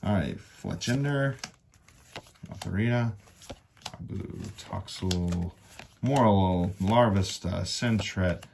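A man co-hosting a casual card-opening video, briskly announcing each card as he goes. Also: sits low, creaky, a little mellow, a little hiss or hum. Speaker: co-host of a card-opening channel. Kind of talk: casual chat while opening card packs.

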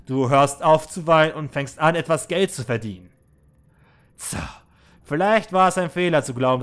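A cruel, manipulative manager lectures with cold condescension, as read by a man. The voice sits a little high for a man, with a scolding edge. It is game dialogue read aloud in a let's play. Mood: contemptuous.

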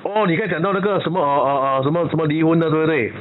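A man's voice: a little high, racing. A man with a Malaysian accent rambling over the phone about his wife, often losing his thread and restarting. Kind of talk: casual phone chat. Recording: tinny phone line with crowd noise.

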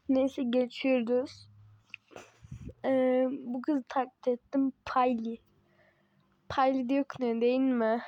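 A woman's voice: high-pitched, darkish tone, no room sound, highs cut off. A woman giving casual, teasing commentary over a game she is playing, chatting to herself and laughing often. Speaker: gaming channel host.

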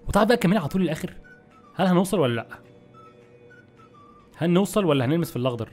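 A young man with an Egyptian Arabic accent, giving excitable, exasperated gameplay commentary to his viewers. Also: a little high. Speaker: gaming YouTuber.

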